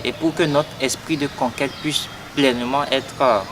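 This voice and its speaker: A man in his 20s from Togo, a young party activist, gives an earnest political statement for an interview on a noisy street outdoors. His medium-pitched voice keeps a fairly even intonation and a moderate pace, though he falters often with fillers and repeated words.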